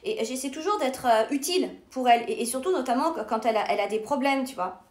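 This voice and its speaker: A woman's voice: sits high, expressive, quick pace. A woman comedian doing a blunt, crude sketch monologue, stammering and repeating herself. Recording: echoey room.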